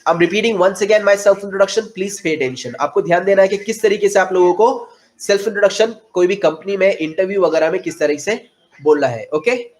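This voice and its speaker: High-voiced Indian man teaching English. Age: 20s. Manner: mixes Hindi with slow, carefully spaced English model sentences. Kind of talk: online spoken English lesson.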